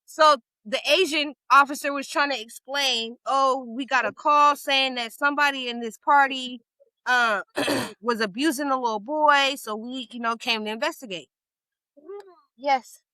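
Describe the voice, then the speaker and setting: With a high-pitched voice at a slightly slow pace, a woman co-hosting a casual podcast chat acts out the characters in her story and curses freely as she animatedly tells it. The recording is dry and the audio poor.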